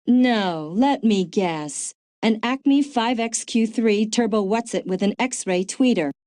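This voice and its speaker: A woman voicing a smart, dry-witted female agent in a video game, calm and informative with a touch of sarcasm. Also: medium pitch, a little slow, no room sound, lightly acted. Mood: wry. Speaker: game character, field agent. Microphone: dry studio mic.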